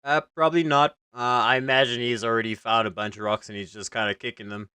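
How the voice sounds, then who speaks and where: A man's voice: on the low side, steady tone, fast talker, bright, forceful tone, smooth, no echo. A man casually narrating a tabletop game as game master, improvising informally.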